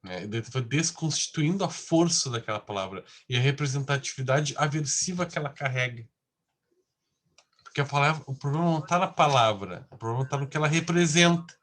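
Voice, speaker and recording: A man's voice: medium pitch, brisk, fairly bright tone. Male lecturer, conversational class delivery with constant tag questions.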